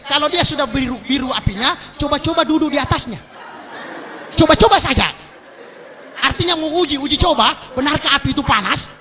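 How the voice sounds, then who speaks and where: Male preacher, very high voice, fervent sermon with a crowd heard behind. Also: bright, forceful tone. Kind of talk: sermon at a mass religious gathering. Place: large public gathering.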